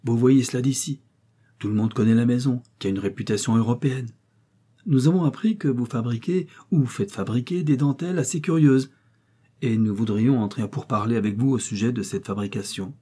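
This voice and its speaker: A man's voice: medium pitch, brisk, dark tone, breathy edge, close to an everyday voice. A man doing a smug, pompous young clerk. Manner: pompous, overly polite salesman talk.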